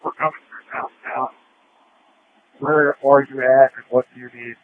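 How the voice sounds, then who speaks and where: A man's voice: medium pitch, fairly even intonation, unhurried. A firefighter making brief emergency radio calls, his voice coming through a two-way radio with bursts of static. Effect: radio with static bursts and hiss. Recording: tinny hissy two-way radio.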